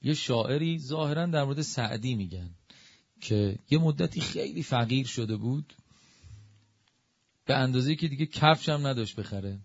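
A man preaching a religious sermon in a conversational, lively way that rises to emphatic peaks. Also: medium pitch, no echo, lo-fi sound.

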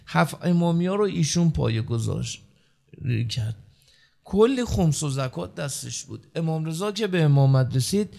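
A man delivers a sermon in a high, gravelly voice. His speech swells and drops with emphatic preaching cadence, and he addresses his listeners as dear ones. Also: darkish tone. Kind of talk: sermon from the pulpit.

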